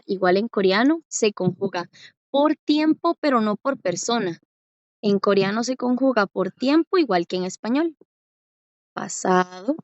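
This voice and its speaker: A woman from Rica, teaching a language lesson patiently, slowing down on examples and checking in with her students. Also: mid-range voice, dry recording, highs cut off. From Costa Rica. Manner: patient, slows down to spell out examples with rising checks. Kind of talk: classroom lesson.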